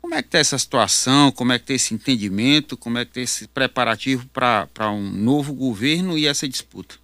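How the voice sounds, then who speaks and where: A man's voice: medium pitch, fast, fairly bright tone, no echo. A man, a radio journalist building up long, hesitant questions in a live interview.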